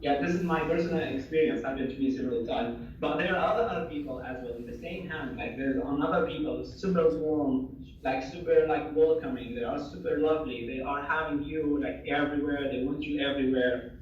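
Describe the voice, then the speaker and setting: A young Syrian man whose first language is Arabic speaks English in an earnest, casual interview, full of fillers and restarted phrases; he is a refugee and former assistant doctor talking from his home in Germany. His voice is fairly high and a little fast, with the highs cut off. The video-call audio sounds echoey and distant.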